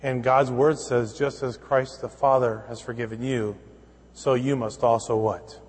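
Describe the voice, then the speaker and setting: A man preaching from the pulpit in a church sanctuary, his voice trailing into a long hall reverb. He tells stories and acts out the dialogue, then rises into emphatic, insistent preaching. His pitch sits in an ordinary middle range. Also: fairly even intonation, measured pace, slightly rough. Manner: storytelling with acted dialogue, rising to emphatic preaching. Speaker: pastor. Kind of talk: sermon.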